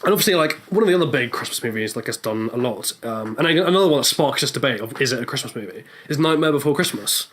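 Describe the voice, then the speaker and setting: A man's voice: medium pitch, quick pace, few pauses. A man with a posh British RP accent, chatting as a podcast co-host in a sarcastic, cynical way. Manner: sarcastic, cynical and animated, with many fillers. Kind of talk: casual chat. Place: small room in student housing.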